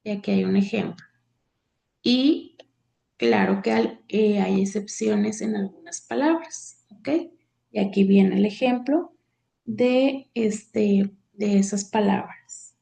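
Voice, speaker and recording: A woman teacher, reading grammar slides aloud in a halting way with many fillers. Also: medium pitch, animated, gravelly, warm tone. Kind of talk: slide lecture on accent rules.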